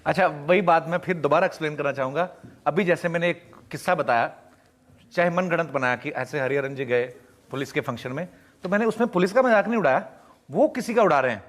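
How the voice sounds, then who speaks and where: Lively storytelling young man, slightly high. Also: fast. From Punjab, India. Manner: animated anecdotes, acting out quoted voices. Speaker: interview guest. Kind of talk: storytelling answers in a TV interview.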